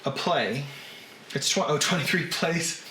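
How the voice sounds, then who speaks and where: A man with a Southern US accent chatting casually to livestream viewers as host, in an unhurried drawl with drawn-out words. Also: on the high side, pushed and bright. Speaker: host of a live reading stream. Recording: roomy echo, faint background noise.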